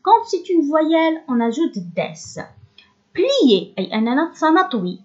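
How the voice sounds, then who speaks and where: A woman teacher, working through a workbook lesson and slowly stressing the words she explains. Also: high-pitched, very animated, a little mellow, highs cut off. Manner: switches between French and Arabic, stresses words slowly.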